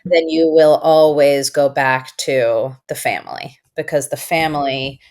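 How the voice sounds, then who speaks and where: Speaking in an interview as a guest educator and author, this native Farsi speaker shares her ideas with thoughtful emphasis, slowing on the words that matter. Her voice is low, darkish and steady.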